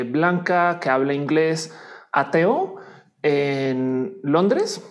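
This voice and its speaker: A woman from Colombia with a Colombian accent, a guest chatting casually and acting out the voices she quotes. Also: sits low. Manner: animated, acts out quoted voices, laughs often. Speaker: guest, youtuber and teacher. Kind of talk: casual chat.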